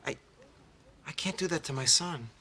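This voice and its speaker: A man's voice: a little high, moderate pace, pushed and bright, a little hiss or hum. An actor playing an anxious new father who speaks in a dry, hesitant way in a sitcom. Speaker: sitcom character. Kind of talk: sitcom acting.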